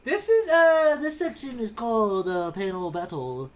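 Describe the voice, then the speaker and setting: A man with a high-pitched, expressive voice speaks unhurriedly as a podcast co-host. He trades casual, playful, jokey banter in a comedic discussion about manga.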